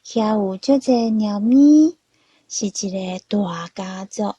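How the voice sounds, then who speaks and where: A woman narrating a children's story in a slow, gentle storytelling manner. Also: mid-range voice, husky, no room sound, highs cut off.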